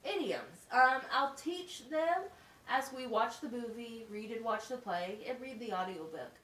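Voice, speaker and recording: In this amateur puppet show, a woman plays a kind, supportive teacher of special education at a school for wizards. Her voice sits a little high and moves unhurriedly, with lively intonation as she patiently explains, breaking lessons into simple steps and posing questions. The mic is distant and the room echoes, leaving a faint noise underneath.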